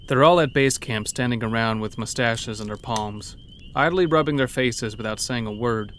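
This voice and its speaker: A man narrates a scripted first-person horror story in dramatic storytelling style, with background music playing. His mid-range voice is a bit bright at a moderate pace, with slight background noise.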